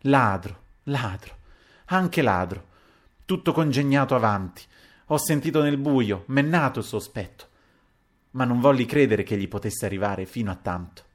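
A man's voice: lowish voice, a little fast, few pauses, close to an everyday voice. A man reading aloud and voicing a frightened young woman who pleads in a broken, sobbing voice, in a storybook reading. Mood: distraught.

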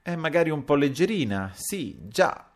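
A man's voice: on the high side, very animated, moderate pace, voice pushed up. A man reading a novel aloud and voicing a timid, fawning middle-aged doctor. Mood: meek. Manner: meek, ingratiating. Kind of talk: audiobook character voice.

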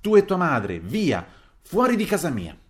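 Shrill raging old widow in a storybook reading, put on by a male reader, high and loud. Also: huge pitch swings, measured pace. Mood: furious shouting. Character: furious old widow shouting people out.

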